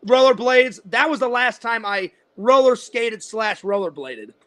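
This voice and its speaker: A man in his forties hosts a casual interview, rambling, repeating words, and restarting his sentences often. His very high-pitched voice has lively intonation and an unhurried pace, with a crowd audible behind him.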